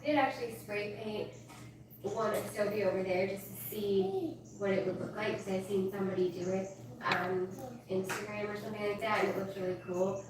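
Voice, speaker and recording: A woman's voice: medium pitch, normal speed, distant mic. Rambling woman gardening, heard from afar. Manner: chatty, rambling, self-interrupting. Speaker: gardening vlogger. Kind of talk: casual chat while gardening. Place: outdoors in a garden. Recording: roomy sound from off-mic with clear background noise.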